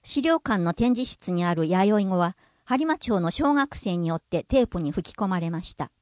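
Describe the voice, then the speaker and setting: A woman reading a scripted informational narration in a measured way, slowing down over example words. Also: lowish voice, lively intonation, darkish tone, no room sound, clean studio sound.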